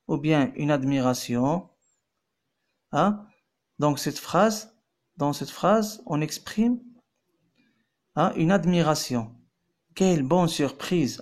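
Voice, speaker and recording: A man teaching French grammar, explaining and repeating phrases slowly, then translating into Arabic. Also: fairly high pitch, darkish tone. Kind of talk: bilingual grammar lesson.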